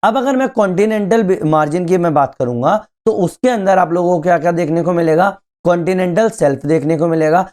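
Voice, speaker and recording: Hindi-speaking male teacher, mellow voice. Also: sits high. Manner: keeps asking students if they follow; explains slowly, repeating key terms. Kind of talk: exam-prep lecture.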